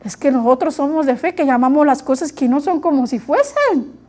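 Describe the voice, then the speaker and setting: A woman preaching a sermon, lively, acting out her own inner voice, her eyes watering from allergies. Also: high voice, moderate pace. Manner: animated, acts out her own inner dialogue.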